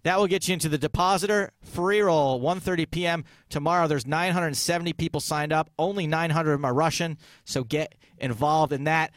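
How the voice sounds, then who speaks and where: Slightly high guy joking around on poker radio, real dry studio sound. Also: fairly even intonation, a bit bright, no echo. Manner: joking, quick banter. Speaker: radio show host. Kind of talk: casual poker radio chat.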